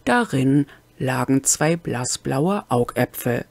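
Female audiobook narrator, unhurried pace, dry close-mic home recording. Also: very deep voice, lively intonation, vocal fry, a little mellow, no echo. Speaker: audiobook reader. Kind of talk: fan-made audiobook narration.

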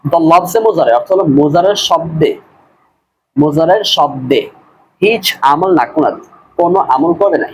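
A man's voice: on the high side, a little mellow, slight background noise, rough recording. A man teaching a recorded class, patiently translating a text word by word, repeating and correcting pronunciation. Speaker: madrasa grammar teacher. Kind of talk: screen-based recorded class, line-by-line translation.

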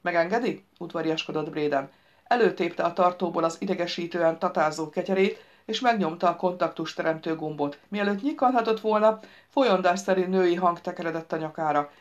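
A woman narrating a humorous audiobook in a lively, wry storytelling manner. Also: fairly low pitch, lo-fi sound. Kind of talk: scripted narration.

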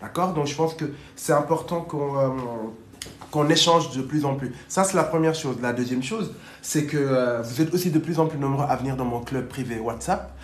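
A man's voice: mid-range voice, moderate pace, slight background noise. A man hosting a casual livestream as a dating coach, chatting upbeat and urging viewers to share. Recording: echoey room.

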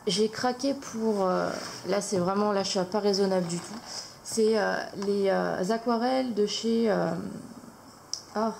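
Woman, craft vlog host, casual and halting, gravelly edge, faint hiss behind. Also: mid-range voice, darkish tone, low-quality recording. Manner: hesitant, many fillers. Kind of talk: casual haul video.

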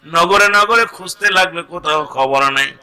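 A man preaching an emotional waz sermon in a sing-song chant, rising into loud wailing cries. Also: fairly high pitch, normal speed, clean tone.

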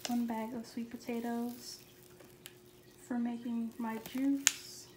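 A woman vlogger calmly listing her groceries in a relaxed, matter-of-fact voice-over. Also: a little high, slow pace. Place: home kitchen. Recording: echoey room with clear background noise.

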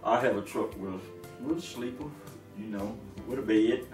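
A man's voice: lowish voice, moderate pace. A middle-aged man, a long-haul truck driver, talking easygoingly in an interview with lots of fillers and restarts. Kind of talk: relaxed conversational interview. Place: living room, seated on a sofa. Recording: roomy, distant, with music underneath.

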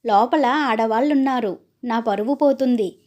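A woman reading as a cowardly, miserly village merchant in a storybook tale, blustering and then pleading. The voice sits high and soft, mellow rather than bright. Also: a little slow, natural voice.

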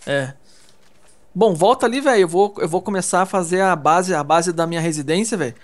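A man's voice: high voice, fairly quick. A man with a Brazilian Portuguese accent in casual gaming chat, playful and exclamatory, thinking aloud as he crafts. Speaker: gamer co-playing.

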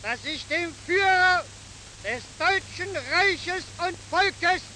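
A man slowly and solemnly reciting a formal oath, heard from an old newsreel recording. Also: very high voice, pushed and bright. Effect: old newsreel sound. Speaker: officer swearing an oath. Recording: hissy old newsreel from far off.

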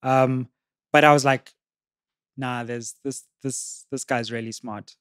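Relaxed young host, dry sound. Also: male voice, slow, clean tone, no room sound. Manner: relaxed, encouraging, drops to a low murmur. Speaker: interview host. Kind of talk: casual interview conversation. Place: studio with sofas, indoors. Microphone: boom-arm podcast mic.

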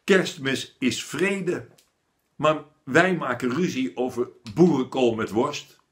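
A man's voice: medium pitch, slow, pitched above the performer's own voice, natural voice. A man voicing a cheeky, giggling schoolboy in a playful manner.

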